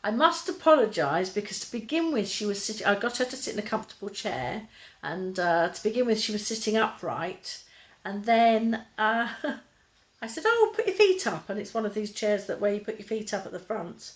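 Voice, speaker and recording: A woman's voice: mid-range voice, normal speed. A woman conducting a casual, chatty interview, feeling her way through questions and rephrasing as she goes.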